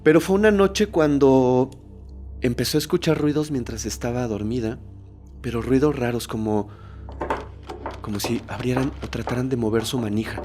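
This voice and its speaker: A man hosting a horror podcast, telling a story in a suspenseful way, dropping to a hush and rising again. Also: mid-range voice, moderate pace, music in the background. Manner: suspenseful, shifts between hushed and raised tones.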